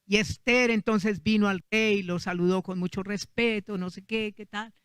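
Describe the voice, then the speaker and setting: Predicador de voz aguda y brillante. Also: male voice, high voice, moderate pace, smooth, no echo. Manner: lively, addresses congregation as brothers. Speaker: preacher. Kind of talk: Sunday sermon, storytelling.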